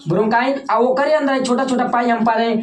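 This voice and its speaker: Woman teacher, Bhojpuri-tinged Hindi accent, fairly high voice, drills terms and quizzes the class, echoey room with faint noise. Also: fairly even intonation, a little fast. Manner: repeats key terms and quizzes students for answers. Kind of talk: classroom lecture.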